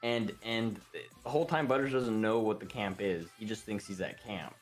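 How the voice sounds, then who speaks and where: A man's voice: lowish voice, normal speed, faint music behind. A man chatting casually on a game stream, rambling and joking with lots of swearing.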